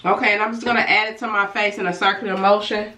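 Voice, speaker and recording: A licensed cosmetologist and beauty vlogger talks fast in a mid-range, level voice with a bright, forceful edge. She's a little congested from a cold as she rambles and corrects herself through a casual skincare review and demo. The mic sits at a distance in an echoey room.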